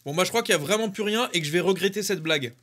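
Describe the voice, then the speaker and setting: A young man chatting casually in an unboxing video, excitable and jokey, bursting into loud exclamations and slang. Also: high voice, racing. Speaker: YouTuber.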